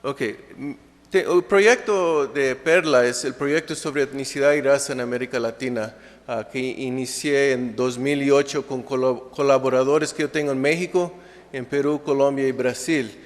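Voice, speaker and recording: A man presents an academic talk at a conference in his second language, hesitant and full of fillers and restarts. His mid-range voice is steady and moderately paced, recorded in a reverberant lecture hall.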